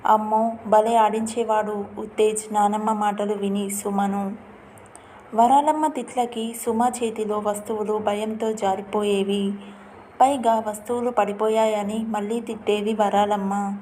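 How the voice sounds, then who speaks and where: A woman storyteller narrating a family story in a steady, even reading voice. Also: medium pitch, a little slow, slight background noise.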